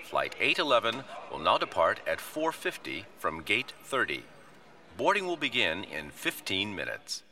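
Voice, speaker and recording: A man playing an airport gate announcer who gives a formal, clear announcement over the intercom, in a scripted course recording. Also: fairly low pitch, wildly swooping pitch, moderate pace, pushed and bright, exaggerated voice. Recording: distant voice.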